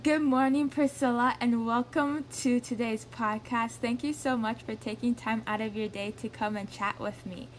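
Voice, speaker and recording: A woman's voice: fairly high pitch, fairly even intonation, moderate pace, hardly any pauses, over music. A woman hosting a podcast, asking polite questions and thanking her guest. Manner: polite, encouraging, many soft affirmations. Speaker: podcast host. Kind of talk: interview hosting.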